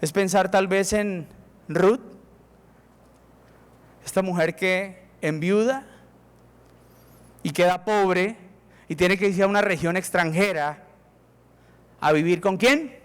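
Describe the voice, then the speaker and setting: Speaking slowly and pausing often, a Colombian-accented pastor delivers an emphatic sermon in which he acts out prayers to God. His high-pitched voice rings clear and resonant through the reverberant hall.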